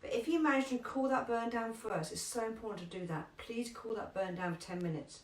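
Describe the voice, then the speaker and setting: A woman with a London accent teaching a live first aid class online, chatty and emphatic, slowing down to repeat key instructions. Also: fairly high pitch. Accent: London English. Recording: echoey room, distant from mic.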